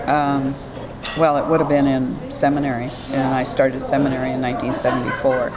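A woman in her seventies from New York State, a retired pastor, thinking aloud slowly with many pauses and fillers in an oral history interview. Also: rumbling low, level tone, a crowd in the background. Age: 70s. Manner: thoughtful, halting with many fillers. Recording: noisy background hiss.

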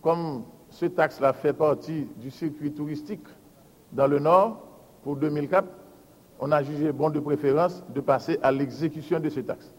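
A man, a public works official giving a formal budget presentation and reading out lists of figures in a measured, deliberate way. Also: a little high, fairly even intonation, darkish tone. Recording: hall with long reverb.

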